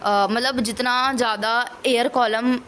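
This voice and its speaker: A woman teacher explains a science lesson at an unhurried pace, her voice sitting a little high. She mixes Hindi and English and dictates answers slowly. Faint background noise sits under the recording. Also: steady tone, a bit bright.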